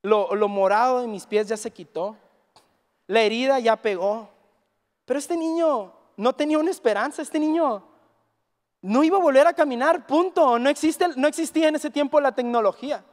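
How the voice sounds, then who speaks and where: In a reverberant church hall, a man with a very high voice and a Mexican Spanish accent preaches a Sunday sermon at a moderate pace. He tells a story as an animated storyteller, acting out the people in it and their quoted dialogue.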